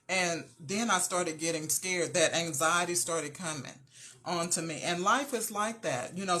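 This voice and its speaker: A woman's voice: fairly low pitch, a bit bright. A woman hosting a show, giving an earnest, encouraging faith-based talk and speaking straight to her listeners. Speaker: motivational show host.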